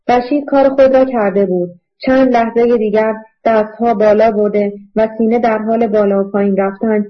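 A woman reading a novel aloud in steady, measured scripted narration, in a dull lo-fi audiobook recording. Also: fairly high pitch.

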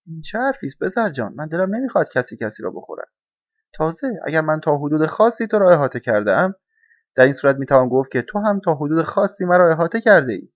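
A man's voice: fairly high pitch, big pitch swings, no echo. A man voicing a mildly mocking old oak tree in a storybook reading, speaking hesitantly and dismissively. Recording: dull, dry lo-fi recording.

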